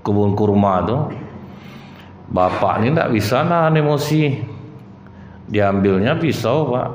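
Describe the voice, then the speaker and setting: A man's voice: on the low side, slight background noise. A man preaching a sermon, telling stories and addressing the listeners as sir and ma'am. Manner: storytelling, addresses listeners as Pak and Bu. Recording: roomy, dull hall recording.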